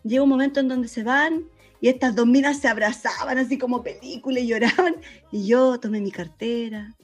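A Chilean woman telling a story in casual chat, animated and slangy, laughing often. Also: fairly high pitch, fairly quick, soft background music.

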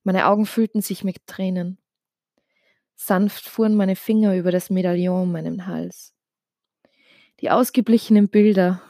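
Woman reading a grim story out loud, really emotional, sometimes goes hushed, dry sound. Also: mid-range voice, vocal fry, no echo. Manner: emotional, intense delivery with hushed passages. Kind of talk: dramatic first-person story reading.

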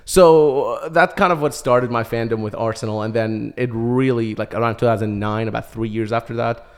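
A man's voice: mid-range voice, normal speed, clean tone. A man in his thirties, from Iraq, a podcast guest telling his story in a chatty way and laughing often. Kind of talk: casual chat.

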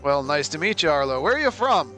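A man's voice: a little high, sing-song, fairly quick, pushed and bright, faint music behind. A man voicing an easygoing, welcoming old tavern keeper in a tabletop role-play.

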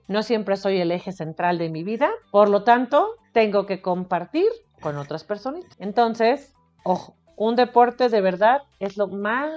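Earnest Mexican woman giving radio advice. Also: medium pitch. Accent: Mexican Spanish. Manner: earnest, repeats words, asks rhetorical questions. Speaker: education expert. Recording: slightly muffled radio audio with faint music.

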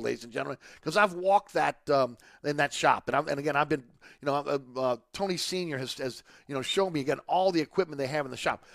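A man's voice: a little high, creaky, no echo, studio quality. A man hosting a radio show, delivering conversational, ad-libbed sponsor reads in a rambling, repetitive way. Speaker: sports and culture radio show host. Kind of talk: live radio ad read, conversational.

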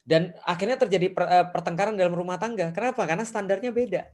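A man's voice: sits high, fast, darkish tone. A middle-aged man, an Islamic preacher, earnestly telling true stories in casual religious talk, with many fillers.

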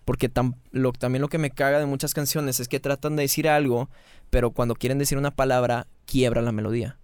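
A man with a Mexican Spanish accent, a singer talking casually as a podcast guest, slangy and quick with many restarts. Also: medium pitch, little pitch movement, a little mellow, smooth, dry recording. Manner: slangy, fast and repetitive, restarts mid-phrase. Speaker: singer and band founder, guest. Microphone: studio mic in a small treated room.

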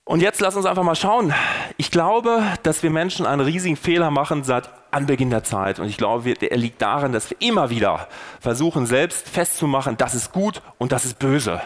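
A man's voice: on the high side, expressive, a little fast. Earnest preacher man, raised voice. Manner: speaks straight to the listener with rhetorical questions; earnest and persuasive, rising and falling for emphasis. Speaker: podcast host and preacher. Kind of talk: sermon-style podcast talk.

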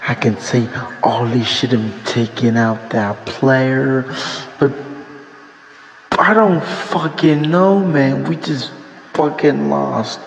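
A man's voice: medium pitch, fairly even intonation, slow, creaky. A man hosting a solo podcast, ranting in frustration and swearing constantly. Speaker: podcast host. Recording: roomy with long reverb, faint noise.

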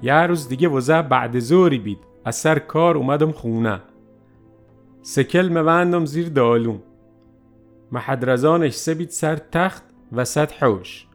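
A man narrating a first-person story in a lively, animated way. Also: on the high side, faint music behind.

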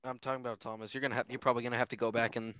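A man co-hosting a podcast, chatting loosely and circling back with fillers and restarts. His voice sounds smooth and resonant. The recording is dry and a little lo-fi. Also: medium pitch, little pitch movement, rapid-fire, bright, forceful tone, dry recording. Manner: rambling, with many fillers and restarts. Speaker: podcast co-host. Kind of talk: casual chat. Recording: slightly dull lo-fi sound.

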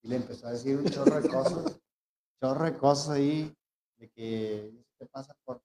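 A man's voice: mid-range voice, normal speed, warm tone. A man with a Mexican accent, a tattoo artist casually telling anecdotes and acting out the people in them, with frequent restarts. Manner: storytelling, acting out quoted voices, frequent restarts. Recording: roomy echo.

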